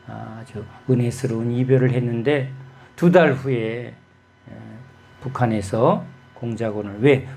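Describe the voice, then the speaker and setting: A man's voice: mid-range voice, darkish tone, slight background noise. A man preaching a sermon as pastor, telling stories and putting rhetorical questions to his congregation.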